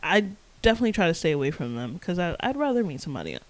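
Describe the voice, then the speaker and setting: A young woman co-hosting a podcast in casual chat, telling animated stories and laughing easily. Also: lowish voice, low-quality recording. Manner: animated storytelling, quick laughs. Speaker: podcast co-host. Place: Florida.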